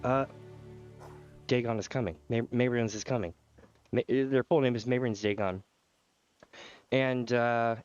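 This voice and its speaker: A man hosting a gaming livestream in a casual, animated, rambling storytelling manner with dramatic asides. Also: mid-range voice. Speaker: livestream host. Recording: slightly dull livestream audio with music behind. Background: background music.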